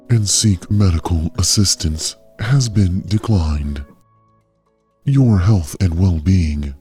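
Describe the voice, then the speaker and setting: An actor playing a calm, coldly polite AI caretaker, a gentle care robot that speaks in a soothing, measured, clinical way. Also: male voice, sits low, breathy edge, full character voice. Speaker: AI overseer of a medical trial. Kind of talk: audio drama narration.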